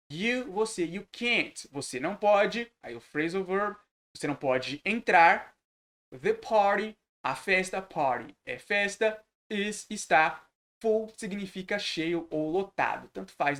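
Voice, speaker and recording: A man teaching a recorded lesson, translating sentences phrase by phrase and repeating words slowly. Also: high-pitched, fairly bright tone. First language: Portuguese. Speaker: English teacher.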